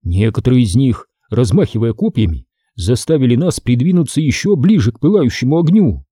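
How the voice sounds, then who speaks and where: A man reads an adventure story aloud with a very dark, husky tone. His delivery is lively and expressive, and the recording is dry and close. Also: medium pitch, a little fast, dry recording. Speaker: audiobook narrator. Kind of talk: scripted audiobook narration.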